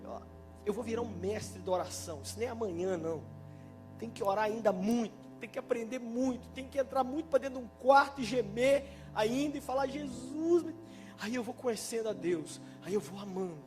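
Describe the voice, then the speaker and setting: A man with a Brazilian Portuguese accent preaching a sermon, fervent and emphatic with sudden loud bursts. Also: high voice, fairly quick. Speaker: pastor. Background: instrumental music playing under the preaching.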